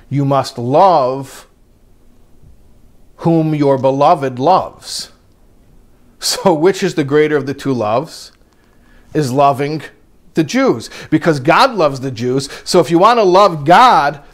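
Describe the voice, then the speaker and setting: Teaching a religious class, a man with a somewhat high voice tells a story in a lively way, breaking into quoted lines and often repeating words.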